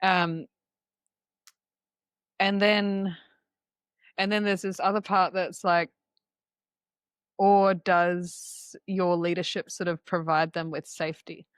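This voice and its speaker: A woman's voice: on the low side, level tone, takes it slowly, pauses often, clean tone, dry recording. A woman hosting a podcast, speaking thoughtfully and hesitantly in casual conversation over a video call. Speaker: podcast host.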